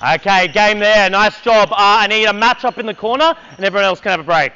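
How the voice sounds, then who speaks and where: A man's voice: high voice, fairly quick, pushed and bright, clear, resonant tone, highs cut off. A man coaching a basketball clinic on an indoor court, energetically calling out drills and counting down for players.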